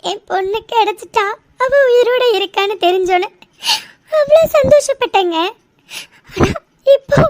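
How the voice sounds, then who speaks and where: A woman's voice: very high-pitched, no room sound. A woman voicing cartoon women, one hurt and one a grieving mother, in tearful, pleading tones. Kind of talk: cartoon voice acting.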